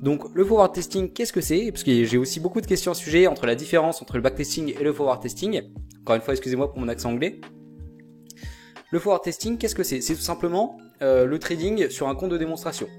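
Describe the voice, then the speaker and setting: A young man explains trading to the viewer in a loose, chatty way, full of fillers and repeated emphasis. His voice sits a bit high for a man and he talks at a brisk clip. Soft music plays underneath. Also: animated. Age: young adult. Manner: informal, direct, repeats "vraiment" and many fillers. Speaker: trading educator. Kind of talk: casual spoken lesson.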